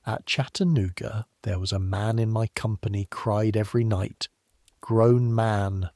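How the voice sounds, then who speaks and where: A man reading the lines of a quiet, weary male war veteran, speaking evenly and plainly. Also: fairly low pitch, fairly even intonation, unhurried, no echo, clean studio sound.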